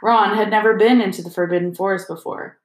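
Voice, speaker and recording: A woman's voice: mid-range voice, fairly even intonation, fast. Woman narrating an audiobook in a roomy space. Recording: roomy echo.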